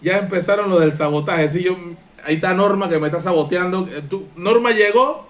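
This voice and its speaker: This live-stream political commentator speaks quickly in a high pitch with a Panamanian accent. He reacts passionately on his show, getting so excited that he strains his voice.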